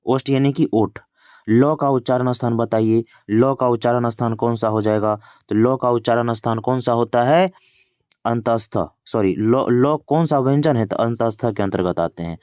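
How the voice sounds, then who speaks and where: A man's voice: medium pitch, normal speed, a little mellow, clear, resonant tone, dry recording, studio quality. A man teaching a grammar exam lesson. He reads each question twice and then answers it himself, dropping in casual English filler words.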